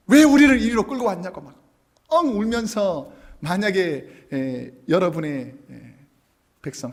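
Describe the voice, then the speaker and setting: A man's voice: high-pitched, breathy edge. A man preaching a sermon, telling stories with animation and acting out what people said. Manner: animated storytelling, acting out quoted lines. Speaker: pastor.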